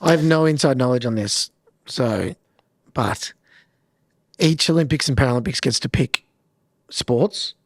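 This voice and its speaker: A man's voice: medium pitch, measured pace, long pauses, no echo. Joking male podcast host. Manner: joking, curious questioner. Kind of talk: casual interview chat.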